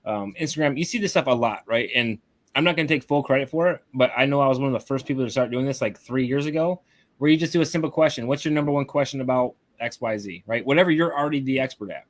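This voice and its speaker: A man's voice: mid-range voice, fast talker. Guy coaching marketing over a video call, laid-back, keeps going "right?". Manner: casual, tags lines with "right?". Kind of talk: live webinar teaching.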